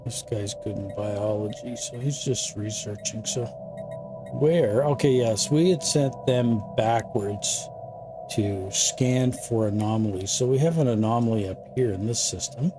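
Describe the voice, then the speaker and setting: A man in his fifties giving casual gameplay commentary. He is chatty and self-deprecating and slows down to read the game's text aloud. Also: fairly low pitch. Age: 50s. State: sleepy, yawning. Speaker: gaming channel host. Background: game music.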